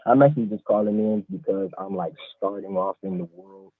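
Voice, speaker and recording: A man in his twenties from Michigan, calling into a live show over the phone and talking in a hesitant, halting way with lots of fillers. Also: fairly low pitch, no echo. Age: 20s. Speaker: caller. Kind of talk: casual call-in chat. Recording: tinny, dry phone line.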